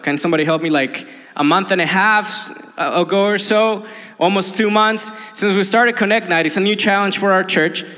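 His voice sits high and a bit bright as this young pastor from Colombia, a native Spanish speaker with a Colombian accent, preaches earnestly on a livestream. He frequently restarts and leans on fillers, all in a long, reverberant hall.

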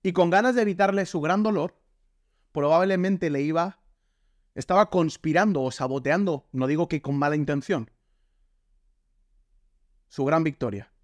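A man with a Spain Spanish accent giving a lively, jokey sermon and acting out the voices he quotes. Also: fairly high pitch, normal speed, pauses often, no echo, clean studio sound. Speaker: pastor.

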